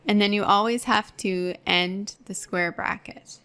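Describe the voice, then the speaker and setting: A woman's voice: medium pitch, fairly even intonation, measured pace, sharp tone, smooth. A woman teaching an online course, explaining each step patiently while working through a screen-recorded tutorial at her computer.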